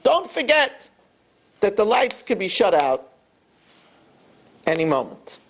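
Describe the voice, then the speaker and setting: An older man, a rabbi, delivers a sermon full of stories and acted-out voices. His voice is gravelly with a husky edge, and his pitch leaps up and down expressively. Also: takes it slowly. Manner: animated storyteller who acts out voices.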